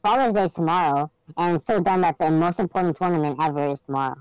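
A woman's voice: fairly low pitch, quick pace, a little mellow, smooth, no echo, poor audio. A woman chatting casually while playing a video game, whining and complaining. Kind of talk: casual chat while gaming.

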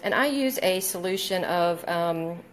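Holding her phone in her home kitchen, a chatty, friendly woman in her forties walks viewers through her meal prep live, saying um a lot. She speaks unhurriedly in a fairly low voice with lively intonation. A little hiss or hum is audible.

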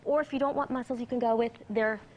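Woman, 30s, TV food reporter; enthusiastic, slightly high-pitched, studio lapel mic. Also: fairly even intonation, fast, darkish tone, muffled recording. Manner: bubbly, enthusiastic food descriptions. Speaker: restaurant deals reporter. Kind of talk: TV morning show segment. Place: TV studio set.

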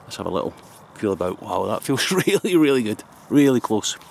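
Scottish man, 50s, shaving vlogger, joking casual chat outdoors in the woods, slightly low voice. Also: big pitch swings, brisk, vocal fry, background noise. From Scotland. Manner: chatty, joking asides, laughs often. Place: forest outdoors. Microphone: camera close up at arm's length.

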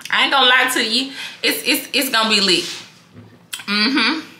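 A young woman with a Mississippi Southern accent, talking casually and confidently to camera in a vlog, with a big, animated personality. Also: on the high side, normal speed, echoey room, slight background noise. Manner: big, animated and confident, talks straight to viewers. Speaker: vlogger.

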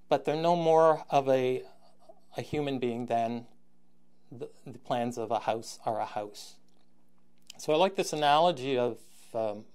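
Male lecturer, mid pitch, halting delivery with restarts and throat clearing. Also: a little mellow. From Canada. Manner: thinking aloud with frequent restarts and throat clearing. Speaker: university lecturer. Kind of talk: recorded lecture.

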